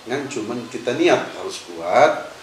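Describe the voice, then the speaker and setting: A man's voice: medium pitch, expressive. Man, preacher, casual religious talk, hesitant with fillers, faint hiss. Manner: halting, thinking aloud with fillers. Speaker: Islamic preacher. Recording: echoey room, distant mic, faint hiss.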